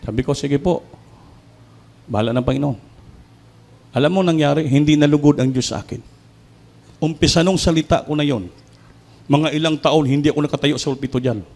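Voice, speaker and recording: Filipino guy preaching, fairly high voice, gets loud and fired up then drops to quiet storytelling. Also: steady tone, fairly quick, vocal fry, long pauses. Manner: fervent, swings from soft storytelling to loud exhortation. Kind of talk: sermon.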